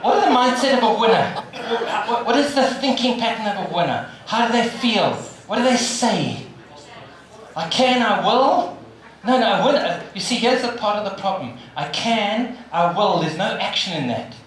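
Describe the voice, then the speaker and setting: An older man with a South African accent giving a live motivational talk, firing questions at the audience in an animated way. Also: high-pitched, brisk. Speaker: motivational speaker. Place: large hall with a live audience. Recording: echoey hall, from a distance, audience audible.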